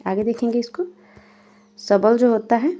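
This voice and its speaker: A woman's voice: a little high, a little slow, mellow. A young woman teaching a Hindi grammar lesson for exam prep, reading each definition and then explaining it again in plain words. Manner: spells out examples one by one.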